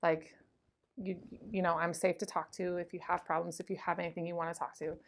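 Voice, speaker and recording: A woman in her late thirties, a school resource officer, telling lively anecdotes in a casual interview, with lots of "like" and "um". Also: lowish voice, fairly quick. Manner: chatty, lively anecdotes with frequent "like" and "um".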